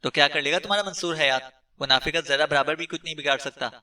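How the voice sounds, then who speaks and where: A cocky young man, smug and teasing, tied up but unafraid, as a male narrator puts him on. The voice is very bright and fairly high, set back from the mic, in a storybook reading. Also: steady tone, quick pace, far from the mic. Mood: taunting.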